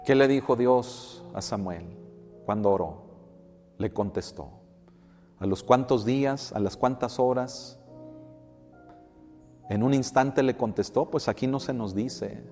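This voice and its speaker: A man's voice: mid-range voice, slow, pauses often, a little mellow, big-room sound, soft background music. A man preaching a sermon as a pastor, asking rhetorical questions and calling his listeners brothers. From Mexico.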